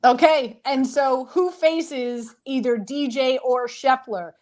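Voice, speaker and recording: Female host, higher pitch, brisk and steering, sports betting show. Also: a little mellow. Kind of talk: hosting a sports betting panel.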